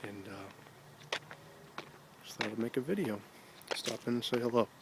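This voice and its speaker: An American man talking casually with a pipe in his mouth, rambling in a halting, reflective, unhurried way. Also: medium pitch, creaky. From Ohio, United States. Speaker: video blogger. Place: outdoors on an evening stroll. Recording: noticeable background noise, ambience.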